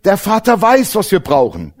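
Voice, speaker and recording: Male preacher, humorous lively sermon style, expressive pitch, slightly high voice. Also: moderate pace. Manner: animated, jokes with the congregation, swings from loud to hushed.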